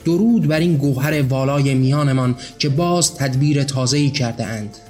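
A man voicing a cheerful, flattering male follower in a read-aloud story. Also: medium pitch, soft background music, lightly acted. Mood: fawning. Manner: fawning.

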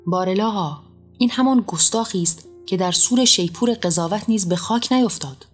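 A woman's voice: medium pitch, slightly rough, faint music behind, lightly acted. Woman reader plays an archangel; reverent, murmured asides. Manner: murmuring, deferential. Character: male archangel, reverent adviser.

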